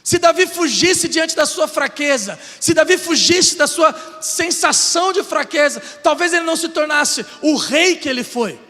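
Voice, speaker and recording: A man's voice: very high-pitched, animated, normal speed, few pauses, pushed and bright. A man with a Brazilian Portuguese accent preaching a passionate sermon, building with repeated phrases and rhetorical questions. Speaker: pastor. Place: church sanctuary. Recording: church hall reverb.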